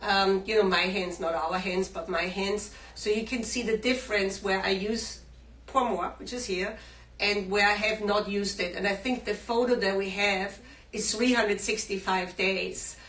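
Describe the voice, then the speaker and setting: A woman's voice: mid-range voice, steady tone, measured pace, a bit bright. Chatty woman selling skincare. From Austria. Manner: chatty, enthusiastic sales talk with many fillers. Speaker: skincare brand host. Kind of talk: live shopping-show interview. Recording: roomy, distant mic, faint hum.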